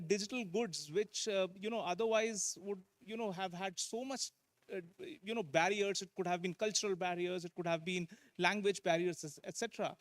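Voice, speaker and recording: A man moderating a conference panel discussion, hesitant and full of fillers. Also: high-pitched. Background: conference hall.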